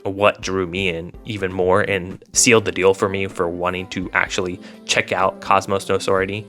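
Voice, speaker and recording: This visual novel reviewer speaks in a low, level voice at normal speed, sounding pushed and bright. His commentary as a video host is casual, rambling, and hedged, laid over background music.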